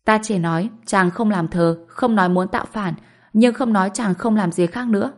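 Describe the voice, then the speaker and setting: A woman's voice: medium pitch, moderate pace, darkish tone, lightly acted. A woman voicing a playful, teasing young wife in an audiobook. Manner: teasing, mischievous. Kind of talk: audiobook character voice.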